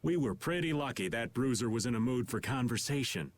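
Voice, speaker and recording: A man's voice: mid-range voice, lively intonation, fairly quick, no room sound, close to an everyday voice. An actor playing a laid-back older man in a fantasy video game, folksy and given to theatrical complaining. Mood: relieved.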